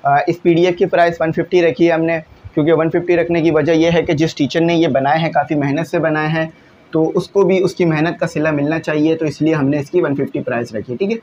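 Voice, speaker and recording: A man's voice: on the high side, fairly even intonation, fairly quick, lo-fi sound, a little hiss or hum. A male teacher, patiently explaining exam answers in a classroom lesson and often checking in with his students. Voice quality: glasses wearer.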